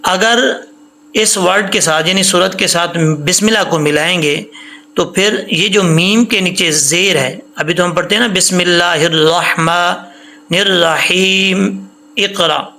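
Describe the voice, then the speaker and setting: Male recitation teacher, bright and a touch high, patient explainer who slowly chants Arabic examples. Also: creaky, a little hiss or hum. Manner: explains patiently, repeats rules, sings Arabic verses slowly. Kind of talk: Quran reading lesson with recitation.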